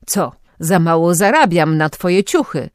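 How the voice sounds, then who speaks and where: A woman's voice: lowish voice, animated, a little slow, no room sound, studio quality. A woman reading the part of a resentful husband who snaps angrily at his wife. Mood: angry. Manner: snapping, resentful. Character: bitter resentful husband, adult man.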